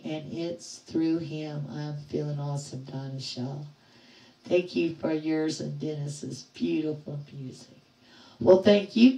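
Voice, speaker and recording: A woman's voice: low voice, darkish tone. An older woman hosting a music livestream from her home, chatting cheerfully and greeting viewers by name. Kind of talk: casual chat with viewers. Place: home in a trailer park. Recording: roomy, distant from the mic.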